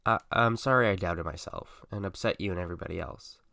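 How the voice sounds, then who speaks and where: A man voicing a gentle young guy, shy, stammering, soft-spoken and apologetic, lowish voice. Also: fast, creaky, no echo, clean studio sound, full character voice.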